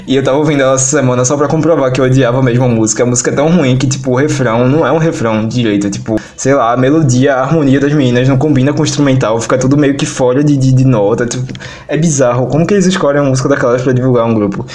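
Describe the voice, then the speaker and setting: A man's voice: medium pitch, racing, a little mellow. A man with a Brazilian Portuguese accent co-hosting a podcast, talking in an opinionated, critical way full of fillers. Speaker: podcast co-host. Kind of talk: casual podcast chat.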